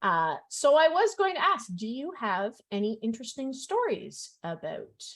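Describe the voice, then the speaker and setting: A woman's voice: on the high side, normal speed. A woman hosting a live online adoption fair, chatting and laughing with a guest over a video call. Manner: chatty, lively, laughs often. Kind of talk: live online chat interview.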